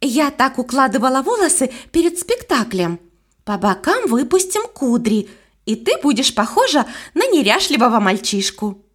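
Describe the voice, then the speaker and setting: A woman's voice: high-pitched, sing-song, moderate pace. A woman doing a caring, motherly actress. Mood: coaxing. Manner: caring, coaxing. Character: kind, fussing adult actress, motherly.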